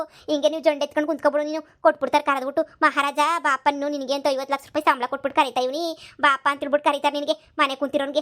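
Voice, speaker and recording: A woman plays a sharp-tongued young village wife in a cartoon comedy, nagging. She talks fast, high and on a narrow, level tune. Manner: scolding, rapid and nagging.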